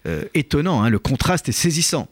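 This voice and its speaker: A man hosting a radio talk show, explaining scripture in a measured, thoughtful way with frequent hesitations. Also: fairly high pitch, sing-song, no room sound.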